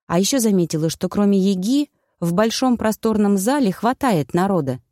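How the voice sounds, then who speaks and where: A woman narrating a first-person audiobook in an even storytelling manner. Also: mid-range voice, normal speed, dry recording, clean studio sound.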